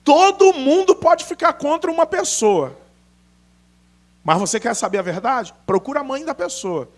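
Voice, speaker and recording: A male pastor, preaching in an unusually high voice that leaps up and down with lively emphasis. He tells stories and acts out the people in them. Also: moderate pace. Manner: animated, emphatic, acts out dialogue. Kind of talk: storytelling sermon.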